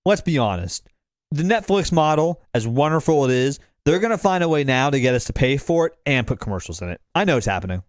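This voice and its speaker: A man co-hosting a podcast who talks quickly and profanely. His pitch jumps around and sits a little high. The recording is close and dry. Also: no room sound. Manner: quick, animated, profane ranting. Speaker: podcast co-host. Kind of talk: casual chat.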